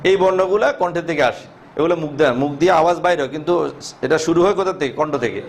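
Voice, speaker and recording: This man, a Quran teacher, teaches Arabic letter pronunciation by questioning himself and supplying the answers, elongating each letter's sound. He talks at a racing speed with a fairly high voice, and slight background noise is audible.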